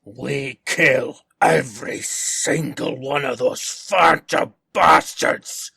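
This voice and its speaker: A man voicing a furious, brutish Irish male warrior who speaks gruffly and growls his words slowly. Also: mid-range voice, fairly even intonation, sharp tone, dry recording. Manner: gruff, growling, slow and heavy.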